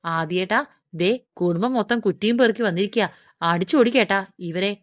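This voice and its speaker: A sharp-tongued teenage sister fires back quick, indignant retorts, read by a woman narrator. Her voice is dry and close. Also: mid-range voice, no echo, lightly acted.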